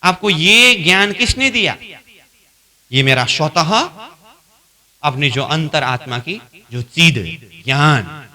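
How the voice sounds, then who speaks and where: His voice sits on the high side and sounds animated, and he takes his time with long pauses. He is a man running a spiritual training class who repeats himself, asks the class questions, and acts out both parties in an argument, getting louder as it builds.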